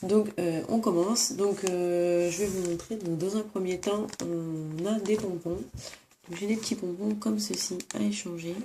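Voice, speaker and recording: Brief: sick woman, low-ish voice, hesitant show-and-tell vlog at home, noisy crinkling bags behind. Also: fairly even intonation, measured pace, warm tone. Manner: hesitant, many fillers and self-corrections. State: sick, sniffling. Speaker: crafts vlogger. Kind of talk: casual show-and-tell of craft supplies. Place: room at home. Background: crinkling plastic bags.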